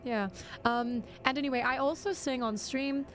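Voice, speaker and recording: This young woman has a high voice with a steady tone and normal speed. As a variety streamer, she chats casually during a game, rambling and filling gaps, and her voice sounds slightly worn out.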